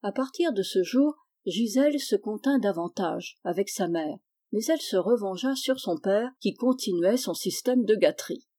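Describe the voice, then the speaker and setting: A woman reading an old children's novel aloud as an audiobook. She keeps a steady, even pace, and her voice is mellow and warm. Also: mid-range voice, normal speed. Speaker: narrator. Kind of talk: audiobook narration of a classic novel.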